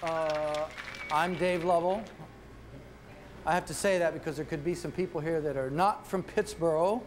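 Middle aged american guy doing a rambly standup monologue, kinda high voice, stop and start, noisy live recording. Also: steady tone. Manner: halting, rambling, repeats phrases. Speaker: show host and comedian. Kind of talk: comic stage monologue. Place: small indoor stage with painted backdrop.

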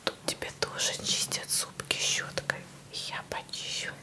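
A woman whispers softly for ASMR, very close to the microphone. Her delivery is breathy and very slow. She coos tenderly, repeating words in a soothing way. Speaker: ASMR channel host. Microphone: close mic.

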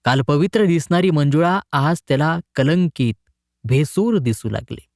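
A man narrating a short story in a dramatic, expressive reading. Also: fairly high pitch, unhurried, no room sound, clean studio sound.

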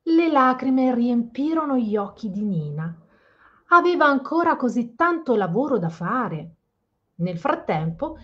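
Woman reading to kids, gentle, explaining, high lively voice, dull lo-fi recording. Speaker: storyteller for children. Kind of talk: children's picture book read-aloud with comments. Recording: slightly dull lo-fi sound.

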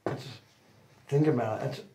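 Measured and creaky, the medium-pitched voice belongs to a man in his 40s or 50s having chiropractic treatment. Lying down in a small indoor office, he makes rambling small talk, and background noise and clicks are noticeable on the recording.

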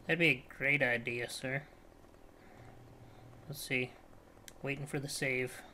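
A man co-hosting a farming game let's play in casual chat, joking and swearing, with loud outbursts. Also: medium pitch, steady tone, takes it slowly, a little hiss or hum.

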